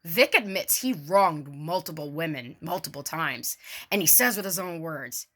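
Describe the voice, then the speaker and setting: A woman whose voice sits low and sounds a bit bright reads at a moderate pace with lively intonation. As an online creator, she stages a mock-formal dramatic reading theatrically, tossing in sweary, sarcastic, casual asides.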